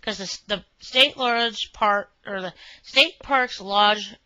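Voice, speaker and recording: A woman's voice: medium pitch, takes it slowly, pushed and bright, no room sound. Woman, meandering casual monologue, dry close sound, dull webcam audio. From Northern Kentucky, USA. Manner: chatty, meandering, many fillers like "you know". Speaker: vlogger reviewing a restaurant.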